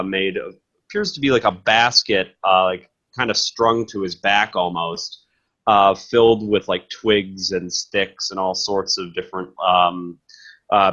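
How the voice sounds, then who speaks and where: A man narrating a tabletop game as game master, improvising and often halting to search for words. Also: on the low side, pushed and bright, muffled recording.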